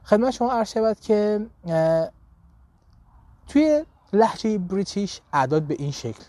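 Animated Persian-accented male teacher, mellow voice. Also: high-pitched, dry recording. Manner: animated, addresses students directly and often checks with "okay?". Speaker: language teacher. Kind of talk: live online lesson.

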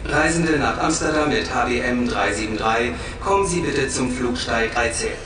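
A man playing a formal, composed airport announcer, making a measured airport announcement and repeating instructions to passengers. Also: medium pitch, noisy background, lightly acted. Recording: echoey announcement from far off, music behind.

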